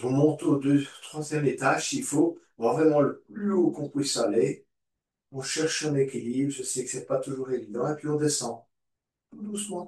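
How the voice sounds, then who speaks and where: A man teaching a morning yoga class, giving calm, encouraging cues and repeating them slowly. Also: medium pitch. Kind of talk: guided yoga class instruction. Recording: echoey room, voice far from mic.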